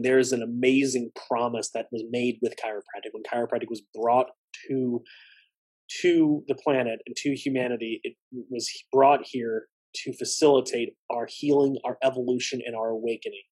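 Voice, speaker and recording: A husky-voiced man speaks as a guest on a podcast. He talks earnestly and reflectively, often starting sentences over as he works through his thoughts. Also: medium pitch, fairly even intonation, moderate pace, darkish tone, poor audio. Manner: earnest, reflective, many restarts. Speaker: chiropractor guest. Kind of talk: podcast conversation.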